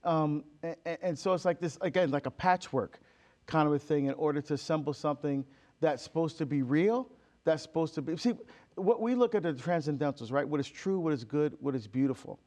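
A man's voice: on the high side, lively intonation, brisk, darkish tone. A man from Barbados, a deacon and author, speaking emphatically as an interview guest and acting out quoted exchanges. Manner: emphatic, acts out quoted exchanges, many fillers and restarts. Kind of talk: impassioned conversational interview.

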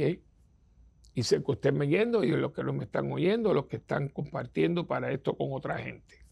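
A man preaching a sermon as a priest, gravelly and husky, emphatic, acting out the voices of people he quotes. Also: on the high side, darkish tone.

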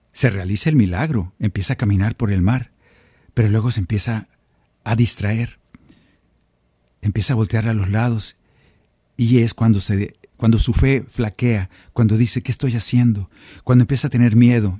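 Mellow-voiced man preaching over guitar. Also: fairly low pitch, slightly rough, no echo, studio quality. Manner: earnest, gently persuasive, speaks directly to the listener. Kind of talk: conversational preaching reflection. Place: home recording studio.

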